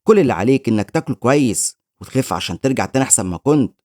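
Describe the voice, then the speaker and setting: A man's voice: medium pitch, expressive, rapid-fire, a little mellow, no room sound, clean studio sound, natural voice. Man reading a bullied teenage boy mage, Egyptian accent. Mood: earnest. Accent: Egyptian Arabic.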